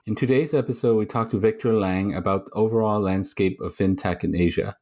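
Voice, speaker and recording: Male podcast host, low voice, measured reads, stop-start questions. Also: mellow. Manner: measured reading, halting when asking questions. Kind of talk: read intro then interview questions.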